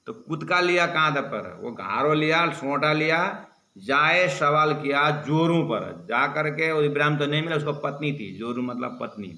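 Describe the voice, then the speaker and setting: Animated male religious teacher. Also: a little high, measured pace. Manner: explains words as he retells, animated. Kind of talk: storytelling religious lesson. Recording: echoey room.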